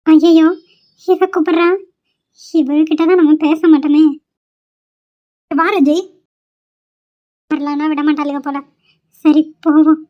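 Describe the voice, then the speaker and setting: A woman's voice: high-pitched, highs cut off. A woman voicing caring young female college students in a homemade cartoon, coaxing and pleading with a friend. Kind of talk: amateur cartoon voice acting.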